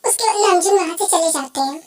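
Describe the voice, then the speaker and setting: A woman's voice: extremely high pitch, fast talker, a little mellow. A woman narrating short story links in a fan dub. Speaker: fan dubber. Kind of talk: scripted narration.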